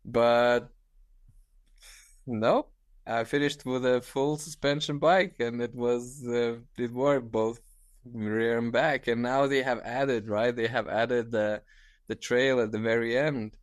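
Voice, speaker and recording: Guest: Lithuanian-accented man, 30s, halting and restarting, clear, dry video-call sound. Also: medium pitch, fairly even intonation, no echo. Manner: halting, restarts often, laughs easily. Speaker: guest, ultra-distance cyclist. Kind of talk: casual interview on video call. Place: small room at home, indoors.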